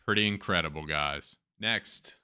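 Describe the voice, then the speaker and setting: Man, Turkish accent, low voice, bright and smooth tone, reading news aloud, joking asides. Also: a little slow. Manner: reads text then adds chatty, joking asides. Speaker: host.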